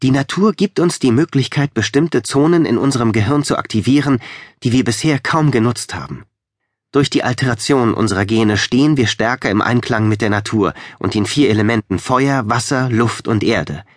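A man's voice: medium pitch, moderate pace, no echo, clean studio sound, voice pushed up, lightly acted. A man reading the part of an earnest, worried young woman researcher in an audiobook, lifting his voice for her.

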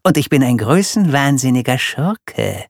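A man's voice: medium pitch, expressive, a little slow, gravelly, dry recording, clean studio sound, voice pushed up. A man voicing a grumpy, boastful self-declared villain in a children's story, ranting and dramatic.

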